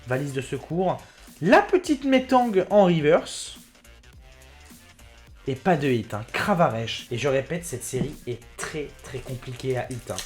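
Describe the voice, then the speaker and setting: A man hosting his own card-opening video, chatting excitedly and talking straight to his viewers. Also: mid-range voice, moderate pace, few pauses, soft background music. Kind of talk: casual card unboxing commentary.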